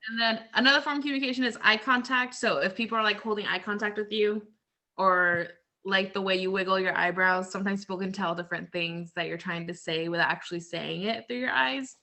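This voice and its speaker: Speaking briskly in a mid-range voice that sounds pushed and bright, a woman runs a casual lesson for a group over video call. She explains with everyday examples, sprinkling in lots of "so" and "like."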